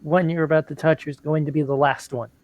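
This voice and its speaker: A man playing a tabletop game over an online call, his audio breaking up and dropping out, loudly insisting on a warning to another player. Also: on the high side, flat delivery, a little fast, dry recording. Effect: choppy online call audio, voice breaking up.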